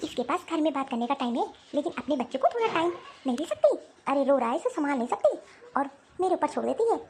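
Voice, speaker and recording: A woman's voice: high voice, very animated, fast, background noise. A woman voicing a tired, overworked older mother-in-law in a cartoon story, complaining and self-pitying. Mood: weary. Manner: complaining, grumbling to herself. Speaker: voice actor. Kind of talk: Hindi cartoon dialogue.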